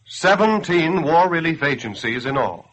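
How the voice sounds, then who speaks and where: An American man announces in 1940s radio style, reading a scripted campaign appeal in an earnest, declamatory, persuasive manner. His voice sits on the high side, expressive and a bit bright, at a moderate pace. The broadcast sound is dull and grainy.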